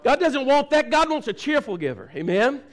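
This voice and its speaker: A preacher man with a very high, ringing voice, delivering a fervent sermon at a church service. He calls out to the congregation, at times shouting and at times dropping to a hushed, low delivery. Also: very animated, normal speed. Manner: swings between shouting and hushed low talk. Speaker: pastor.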